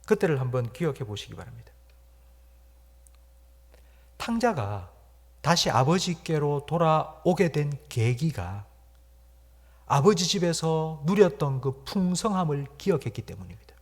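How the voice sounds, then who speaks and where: Impassioned man preaching, lively swings. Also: on the high side, measured pace, pauses often, slightly rough. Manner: impassioned preaching with sudden loud swells and soft drops; acts out inner voices in quoted speech. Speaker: pastor. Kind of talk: sermon. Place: church.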